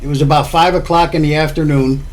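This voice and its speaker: A man's voice: on the high side, steady tone, quick pace. A man talking casually to camera about his home cooking, rambling and repeating himself as he explains. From Florida.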